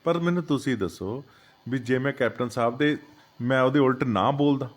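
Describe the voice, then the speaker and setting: A man's voice: mid-range voice, moderate pace. A man, a party leader answering political questions in a heated, emphatic way. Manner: heated, emphatic, acts out what others say. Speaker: senior party leader, interviewee. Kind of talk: political interview.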